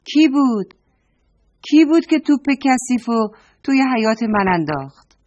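A woman's voice: mid-range voice, expressive, a little mellow, breathy edge, dull audio. A woman voicing a cross, nosy older village woman who scolds and complains about a naughty boy. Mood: angry scolding.

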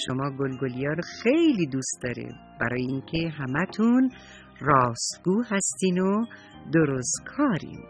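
A man telling a story to children, speaking to them directly and affectionately. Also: a little high. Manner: warm, addresses children affectionately.

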